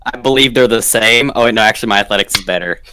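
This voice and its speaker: A man playing a tabletop game, answering in short, deadpan, stubborn lines. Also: lowish voice, very fast, a little hiss or hum. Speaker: player.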